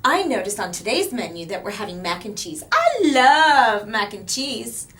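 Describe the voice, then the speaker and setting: A woman voicing a bubbly, gushing new schoolgirl who exclaims brightly in a children's storybook. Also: on the high side, sing-song, moderate pace. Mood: excited. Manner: bright, exclaiming, squealing and gasping. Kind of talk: children's storybook read-aloud.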